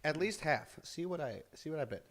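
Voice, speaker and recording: American male co-host, animated intonation, chatty, drifts off mid-sentence. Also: on the high side, fairly quick. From United States. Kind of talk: casual chat while eating hot peppers.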